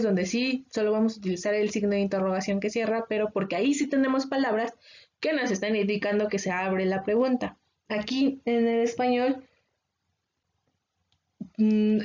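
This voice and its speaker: A woman teacher with a Mexican Spanish accent explaining a lesson patiently, pausing often with filler sounds. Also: fairly high pitch, a little mellow, muffled recording. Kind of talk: recorded online class lecture.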